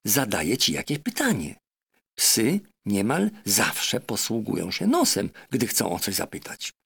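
A man voicing a shrill, proud, know-it-all female parrot in a storybook reading. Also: wildly swooping pitch, a little slow, gravelly, fairly bright tone, breathy edge, exaggerated voice. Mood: instructive. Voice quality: shrill, squawky. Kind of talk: audiobook character voice.

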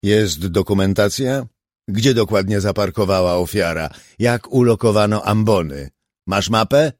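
A man voicing a sharp, driven male police profiler in an audiobook, firing short probing questions. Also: fairly low pitch, unhurried, no room sound, studio quality, lightly acted. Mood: demanding. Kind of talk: audiobook character voice.

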